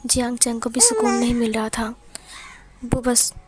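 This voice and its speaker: A woman retelling fan fiction as a storyteller, in plain, steady narration. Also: on the high side, moderate pace.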